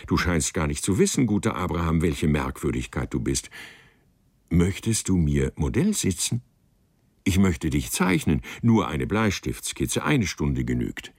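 A man's voice: a bass voice, sing-song, measured pace, a little mellow, no room sound, heavily acted. A man voicing a genial, condescending aristocratic governor in a read-aloud story. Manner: friendly, enthusiastic, patronizing.

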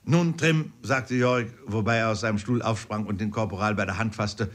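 A man reading a classic novel aloud in measured storytelling narration, with occasional fillers. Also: fairly low pitch, fairly even intonation, fairly bright tone. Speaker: audiobook narrator. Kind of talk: literary audiobook narration.

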